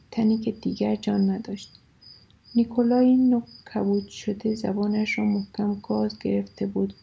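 Woman narrator, scripted storytelling, gravelly, dark, flat delivery. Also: medium pitch, low-quality recording.

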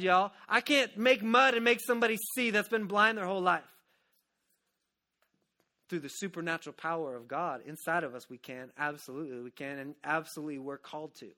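A male pastor preaching a sermon, saying y'all often and swinging between loud emphasis and hushed lines. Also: high voice. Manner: folksy, says y'all often.

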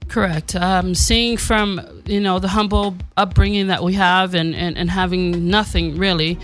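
A woman, grown up in Samoa, telling her story as a guest on a radio talk show in a soft, measured way. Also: fairly low pitch, fairly even intonation, soft background music. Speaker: guest entrepreneur.

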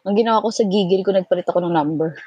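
A woman from Cavite in her late twenties, co-hosting a casual podcast. Her voice is a little husky, and she tells stories with lively, animated retellings. The recording is close and dry. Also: rapid-fire, no echo. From Philippines, Cavite. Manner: animated storyteller, acts out quotes with sharp pitch jumps and laughs. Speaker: podcast co-host. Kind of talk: casual chat, Taglish storytelling.

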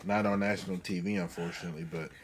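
A man co-hosting a casual sports talk show, tossing in quick, offhand remarks. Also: deep voice, fairly even intonation, background noise. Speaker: podcast co-host.

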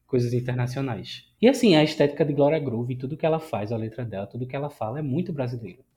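A man's voice: mid-range voice, fast, dark tone. A man with a Brazilian Portuguese accent, chatting casually as a podcast panelist. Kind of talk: casual chat.

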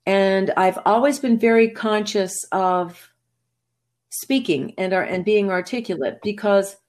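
Her voice medium in pitch and darkish, delivered at a measured pace, a middle-aged woman voice actor from New England, USA, chats through a relaxed interview. She's articulate but talkative, often restarting and laughing.

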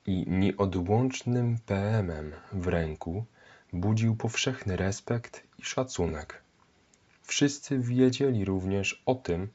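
Deep, slow-spoken male narrator. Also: darkish tone. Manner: measured, solemn reading. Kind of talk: scripted historical narration. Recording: dull lo-fi recording.

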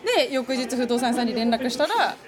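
A woman guest telling a spooky personal story in a casual, animated way, often laughing as she talks. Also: a little high, a little fast, crowd noise.

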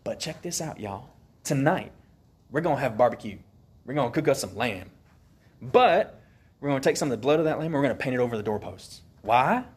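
A preacher putting on Moses as a drawling Alabama leader, slow and pleading as he rallies his people. The voice is husky and rises and falls widely, and it sounds a little off the mic. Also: mid-range voice, big pitch swings. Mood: urgent. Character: Moses as a folksy Southern leader. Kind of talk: sermon role-play.

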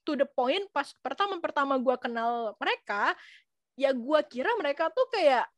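A woman's voice: sits high, expressive, moderate pace, no echo, dull audio. A young woman chatting casually and telling stories, often acting out the voices of people she quotes. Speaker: guest sharing experiences abroad. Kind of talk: casual chat.

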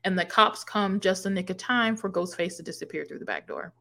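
A woman's voice: fairly low pitch, fairly quick, creaky. Chatty woman recapping a movie. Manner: animated storytelling, acts out characters' lines, swears casually. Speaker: podcast co-host. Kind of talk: casual movie recap chat.

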